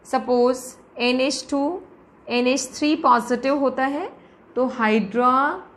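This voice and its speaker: Woman, chemistry teacher, high pitch, lecture, asks and answers her own questions. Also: takes it slowly, fairly bright tone. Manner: asks questions and answers them herself, calls students "beta".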